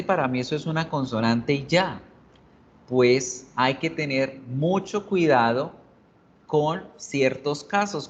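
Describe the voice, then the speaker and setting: A man's voice: medium pitch, dull audio. A male English teacher explaining in a video lesson, patiently repeating words to drill pronunciation.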